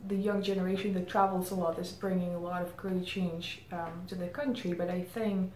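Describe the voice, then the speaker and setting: Woman, 30s, lowish voice, thoughtful interview answers with pauses, faint room hiss. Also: fairly even intonation, a little mellow. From Czech Republic. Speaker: marketing head interviewed as guest. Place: indoor room against a plain grey backdrop. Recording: roomy echo, faint ambient noise.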